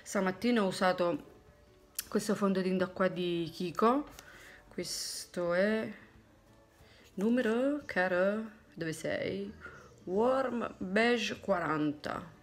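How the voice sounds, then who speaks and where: A woman in her thirties from Italy chatting casually to a phone camera about her makeup, thinking aloud and slipping into low asides. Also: slow. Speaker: beauty vlogger. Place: small indoor room at home. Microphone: phone camera close up.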